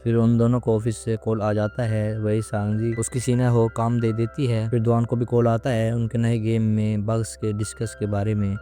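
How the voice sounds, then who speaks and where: A man's voice: fairly low pitch, monotone, normal speed, few pauses, dark tone, soft background music. A man recapping a TV drama episode in a casual storytelling way, retelling it steadily with small slips and restarts.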